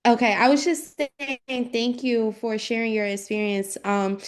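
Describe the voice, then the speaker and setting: A woman speaking on a video call whose audio keeps cutting out, talking in a halting, friendly and thankful way. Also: on the high side, little pitch movement. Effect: glitchy audio cutting out. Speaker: audience member. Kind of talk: casual remarks on a video call. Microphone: video call microphone.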